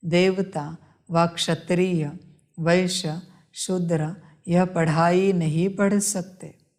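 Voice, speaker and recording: A woman slowly reading a devotional sermon, repeatedly addressing her listeners as children. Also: on the low side, fairly even intonation, a little mellow. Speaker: spiritual teacher reading a murli.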